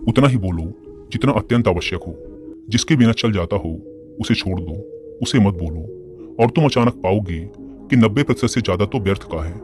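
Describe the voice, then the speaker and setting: A man voicing a calm, wise older spiritual teacher, speaking in a slow, measured preaching tone. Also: on the low side, lightly acted. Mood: serene. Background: music.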